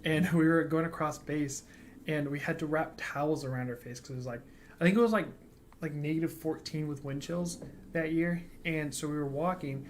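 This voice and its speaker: A man's voice: a little high, steady tone, moderate pace, a little hiss or hum. A man co-hosting a casual reaction livestream, chatty and joking as he reads viewer comments aloud. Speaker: reaction channel co-host.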